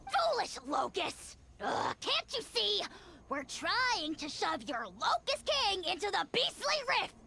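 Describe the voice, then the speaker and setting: Very high, brash young fighter. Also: female voice, huge pitch swings, slow, creaky, few pauses, heavily acted. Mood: scornful outrage. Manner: brash, exclamatory, scornful. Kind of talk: video game voice acting. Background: loud game music.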